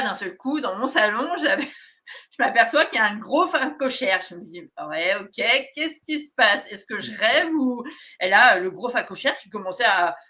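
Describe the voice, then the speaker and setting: Bright-voiced woman telling anecdotes. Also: medium pitch. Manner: animated, laughs often while telling anecdotes. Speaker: medium, guest. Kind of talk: casual storytelling.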